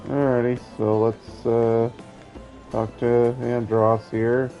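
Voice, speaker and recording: A man's voice: medium pitch, flat delivery, slow pace. A man giving casual commentary as he plays through a video game. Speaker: gaming commentator. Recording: muffled lo-fi sound, faint game music. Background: game audio with music.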